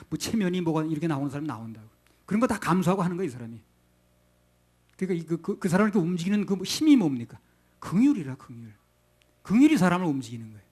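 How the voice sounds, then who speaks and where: A man's voice: sits high, darkish tone. Folksy, conversational middle-aged preacher man. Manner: conversational, folksy, with rhetorical questions. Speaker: pastor. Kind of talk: sermon.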